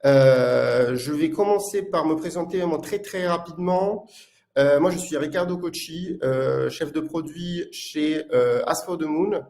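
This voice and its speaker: His voice runs on the high side, a little mellow, with vocal fry. He's a product manager from Italy with an Italian accent, leading a live webinar in stop-start speech full of fillers.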